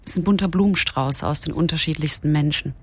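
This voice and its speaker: A woman in her forties, a therapist, talking frankly and brightly as a radio interview guest. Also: deep voice, fast talker, husky. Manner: frank, upbeat, direct. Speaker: sex therapist.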